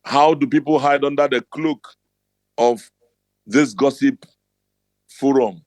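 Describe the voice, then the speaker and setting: A man's voice: medium pitch, takes it slowly, a little mellow, dry recording. A middle-aged man with a Nigerian accent, hosting a motivational talk and telling his stories bluntly and emphatically. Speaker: host.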